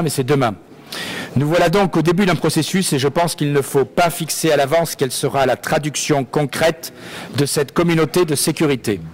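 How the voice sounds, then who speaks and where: A man from France giving a formal prepared speech as a parliamentary delegate in an assembly hall, with a measured and rhetorical delivery. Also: fairly high pitch.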